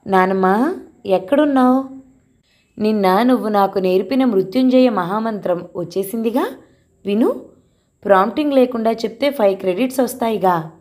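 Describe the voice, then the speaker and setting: A young schoolboy in an audio story, earnest and close to tears as he pours his worries out to his grandmother, played by a woman reader. The voice sits higher than her own narration, childlike and a little breathless with feeling, yet keeps her mellow, dark tone underneath. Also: normal speed, long pauses, natural voice. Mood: eager. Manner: childlike, mixing English words into speech.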